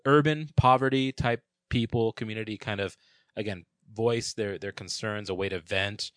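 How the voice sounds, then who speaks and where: A man's voice: fairly low pitch, fairly even intonation, normal speed, fairly bright tone, no room sound. A man in casual chat, talking earnestly and thoughtfully, explaining his views.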